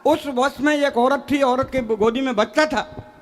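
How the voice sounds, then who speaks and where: A man's voice: extremely high pitch, measured pace. An older man reciting comic stories as a stage poet, folksy and full of rustic dialect. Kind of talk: stage comedy poetry recital. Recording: echoey hall reverb.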